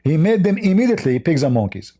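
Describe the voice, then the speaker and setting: A non-native English speaker argues about religion, repeating himself and interrupting the other person. His voice sits fairly high with big swings in pitch, and he talks fast in a warm, husky tone.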